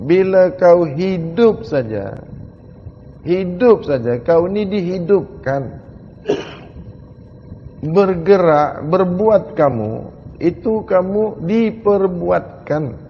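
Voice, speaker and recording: A man delivers a mystical religious lecture in a high, gravelly voice. He speaks slowly, pressing each rhetorical question. The recording is dull and lo-fi, with a long hall reverb. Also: animated, a little hiss or hum. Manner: slow, emphatic rhetorical questioning. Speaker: religious teacher.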